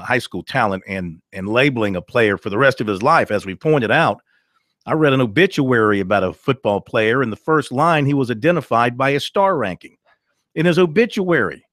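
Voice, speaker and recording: A man's voice: mid-range voice, fairly bright tone, dry recording, clean studio sound. A man in his thirties hosting a sports talk show, emphatic and ranting, laughing easily. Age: 30s. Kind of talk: opinionated sports talk radio.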